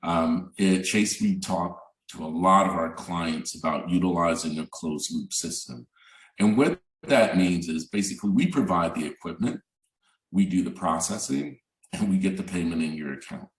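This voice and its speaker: Deep-voiced man on a roomy video call. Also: expressive, normal speed, recorded from a distance. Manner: conversational, many fillers like "um" and "you know". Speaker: bank representative, panelist. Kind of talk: virtual panel presentation.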